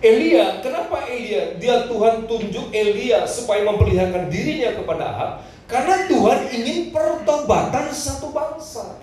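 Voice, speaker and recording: A man preaches to a congregation in a big echoing hall, heard from some way off the mic. His voice sits high and swings lively up and down as he tells his story and chuckles between lines, with a faint room hum behind. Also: moderate pace. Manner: storytelling, addresses the congregation, laughs between phrases. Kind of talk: sermon with personal testimony. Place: church hall. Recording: echoey hall, voice from a distance.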